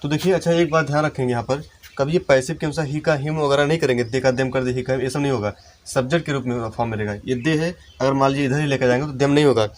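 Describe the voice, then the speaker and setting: Male teacher, mid pitch, patient step-by-step explaining, slow dictation, faint birds behind. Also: fairly even intonation, slight background noise. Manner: explains step by step, slows to dictate example sentences. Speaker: English grammar teacher. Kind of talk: Hindi-language classroom lesson.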